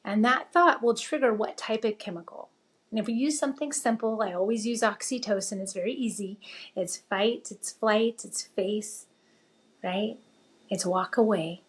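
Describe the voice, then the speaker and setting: A middle-aged woman from the United States telling her life story as an interview guest, lively and animated, acting out the voices she quotes. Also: medium pitch, moderate pace. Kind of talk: personal storytelling.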